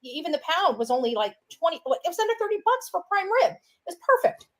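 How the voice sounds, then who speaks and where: A woman's voice: very high voice, very animated, fast, fairly bright tone. A woman giving a casual, opinionated monologue, rambling along and often repeating herself with filler phrases. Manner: rambling, repeats herself, says "you know" and "right" often.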